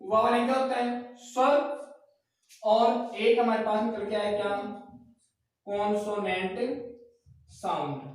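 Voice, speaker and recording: High-voiced male teacher in an echoey room. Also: fairly even intonation, takes it slowly, long pauses. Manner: asks questions and answers them himself; repeats key points. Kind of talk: classroom lecture. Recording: very echoey room, mic far off.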